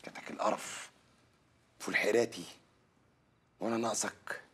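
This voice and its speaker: A man's voice: fairly low pitch, steady tone, moderate pace, fairly bright tone, big-room sound, lightly acted. An actor playing a sarcastic, grumbling Egyptian man. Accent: Egyptian Arabic. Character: grumbling newly single man, sarcastic and weary. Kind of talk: TV comedy series acting.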